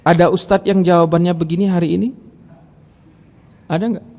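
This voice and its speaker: A male preacher with a Medan accent giving a lively, direct sermon with stories, challenging the audience, in a large mosque hall. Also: high voice, moderate pace. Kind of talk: sermon with storytelling.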